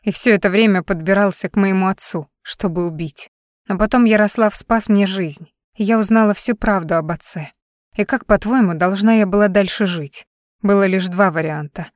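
A woman's voice: medium pitch, moderate pace, dry recording, clean studio sound, lightly acted. A woman reading the part of a tearful young woman worn out by lies in an audiobook. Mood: distraught. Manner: emotional, pleading.

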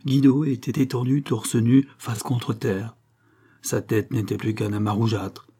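Male narrator, audiobook, measured storytelling, mellow, husky. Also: mid-range voice, steady tone.

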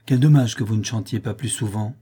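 A faithful old valet who dotes on his master, fond and easily moved to tears, as a man reading the story puts him on. The voice is dark and husky, soft-spoken and deferential. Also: fairly low pitch, brisk. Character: faithful old male valet, tender and doting.

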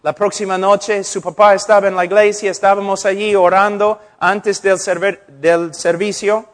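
Impassioned high-voiced middle-aged pastor. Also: male voice, little pitch movement, moderate pace. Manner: impassioned, acting out dialogues in changing voices. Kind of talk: sermon.

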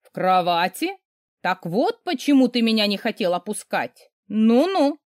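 A woman voicing a harsh, mocking middle-aged mother who scolds loudly. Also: mid-range voice, very animated, moderate pace, no room sound, studio quality, natural voice. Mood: scornful shouting.

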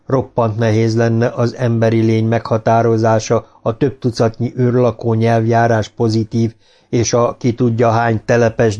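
A man reading an audiobook who voices a calm, humanlike male robot explaining things politely and logically. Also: on the low side, lightly acted.

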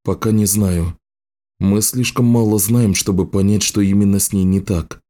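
A man's voice: lowish voice, normal speed, lightly acted. A man voicing Richard, a grim, wounded young lord, speaking firmly and steadily in an audiobook. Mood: resolute. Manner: firm, steady.

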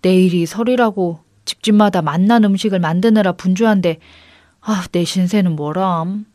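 A woman's voice: fairly low pitch, moderate pace, darkish tone, no room sound, studio quality, lightly acted. A woman voicing a poor, kind young woodcutter who talks earnestly and exclaims aloud.

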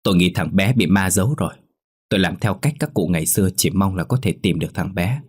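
A man's voice: deep voice, quick pace, slightly rough. A man voicing a grave older village woman who performs a folk ritual to call back a lost child's soul. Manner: grave, serious.

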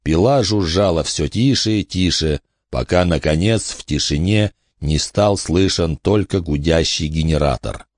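A man's voice: low-pitched, a little slow, hardly any pauses, no room sound, studio quality. A man reading a horror audiobook as narrator, telling the story expressively.

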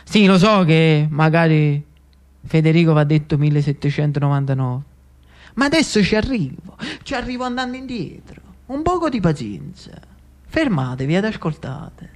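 A man's sing-song voice, on the high side and at normal speed, carries a theatrical storytelling monologue in dialect-laced Italian. With his Neapolitan accent, this actor-storyteller is dramatic and lyrical, lingering over short phrases he repeats.

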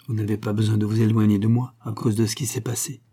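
A man voicing a calm, gentle young curate, close to his own voice. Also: on the low side, breathy edge. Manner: calm, measured.

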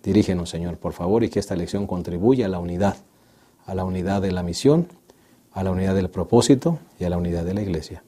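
A man hosting a Bible study discussion, praying and then asking the pastor questions in a calm manner. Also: low voice, quick pace. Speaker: lesson host.

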